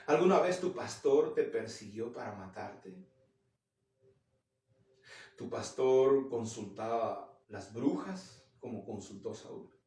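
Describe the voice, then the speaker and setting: A male pastor preaches with earnest, direct questions to his listeners. His voice sits at a middle pitch and rings through a large, echoing church. The mic picks him up from a distance. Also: expressive, takes it slowly, a little mellow. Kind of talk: sermon. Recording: roomy echo, mic at a distance.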